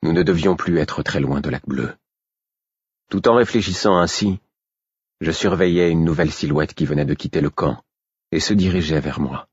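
A man with a very low, husky voice reads a first-person novel in a measured, steady way. The sound is dry and close, with a dull, lo-fi quality. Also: dry recording. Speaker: audiobook narrator. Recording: dull lo-fi recording.

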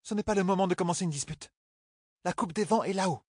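Male reader doing a calm young noble lady, raised high, soft and measured, dry sound. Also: slightly rough, no room sound. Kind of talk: audiobook character voice.

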